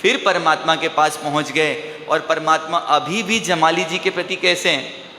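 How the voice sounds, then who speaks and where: Male preacher, high and bright, slow storytelling sermon, quizzes the crowd and answers himself, echoey hall. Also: steady tone, slight background noise. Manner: asks the audience rhetorical questions and answers them himself; slow, drawn-out storytelling delivery. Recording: echoey hall with faint ambience.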